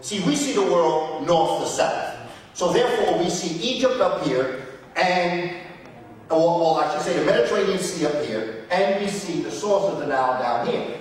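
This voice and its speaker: A man's voice: fairly high pitch, expressive, moderate pace, slight background noise. A man giving a passionate, preacherly history lecture, emphatic and repeating words for effect, recorded from a distance in a large hall. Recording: echoey hall, recorded from afar.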